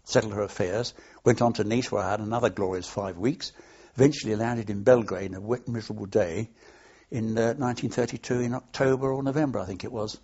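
An older man from London, interviewed for an oral history, reminisces unscripted and at length, his stories rambling and broken by many hesitations. He has a fairly low, husky, slightly mellow voice, and the recording's highs are cut off.

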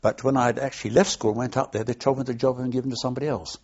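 With highs cut off in the recording, an older man from London tells long, rambling stories as an oral history interviewee, pausing and hesitating frequently in unscripted reminiscence. His mid-range, slightly mellow voice keeps a fairly even intonation and races along very fast.

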